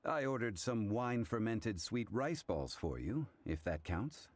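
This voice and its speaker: An actor playing a composed, courteous and refined gentleman in video game dialogue, speaking formally. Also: fairly low pitch, animated. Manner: formal, measured wording.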